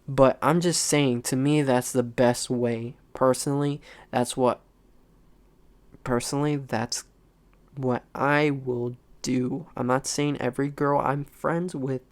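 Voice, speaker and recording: A young man of nineteen speaks his mind in a loose, rambling vlog, blunt and unfiltered. His voice sits at an ordinary pitch and comes through smooth and clear. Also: steady tone, slow. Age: young adult. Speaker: content creator. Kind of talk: unscripted personal vlog talk.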